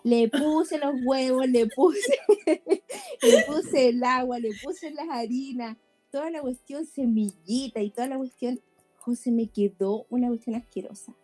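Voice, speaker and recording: Chatty Chilean woman with a mellow voice. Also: high voice, unhurried, soft background music. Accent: Chilean Spanish. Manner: chatty storyteller, laughs often. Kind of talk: casual chat.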